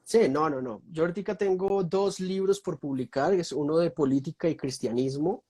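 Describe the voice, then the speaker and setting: Here the young Colombian guest sounds fairly high-pitched yet dark in tone, keeping a moderate pace. In this easygoing video-call conversation, his Colombian Spanish accent comes through as he thoughtfully lists topics, full of filler words.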